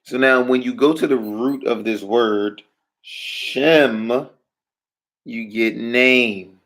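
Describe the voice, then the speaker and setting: This Hebrew teacher has a medium-pitched, fairly bright voice and speaks slowly. He peppers the lesson with "right?" and "all right?" and puts questions to the class, waiting for answers.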